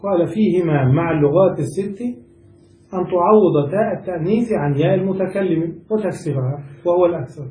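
Guy teaching grammar, keeps asking the class questions, mellow voice, sounds far off in an echoey room. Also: high-pitched, fairly quick. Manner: explains step by step, quizzes students.

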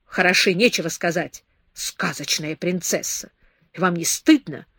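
Brief: woman doing a stern, mocking grown man, sharp and lecturing, loud and dry. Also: fairly low pitch, a little slow, slightly rough, no room sound, full character voice. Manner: harsh, sarcastic, lecturing. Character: stern scornful man scolding a drunk girl.

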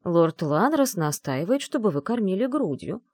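A woman's voice: fairly low pitch, animated, normal speed, a little mellow, no echo, lightly acted. A prim, stern old housekeeper in a storybook, drawling out orders in a dull, strict tone, as a woman reader puts her on. The voice sits close and dry.

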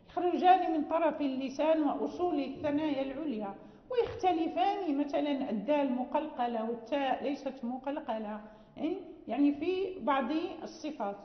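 A woman teaching a class on Quran recitation, explaining patiently and often checking that students follow. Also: sits high. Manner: patient explaining, frequent restarts and checking questions. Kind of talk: classroom lecture. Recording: echoey hall, dull lo-fi sound.

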